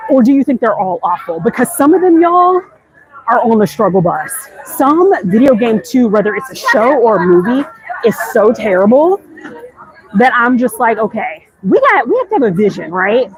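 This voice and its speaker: An American woman hosts a casual, chatty walk-and-talk livestream while strolling through a busy theme park, talking straight to her viewers. Her voice sits on the high side with a sing-song lilt and a moderate pace. The low-quality recording picks up outdoor ambient noise from the crowded park around her.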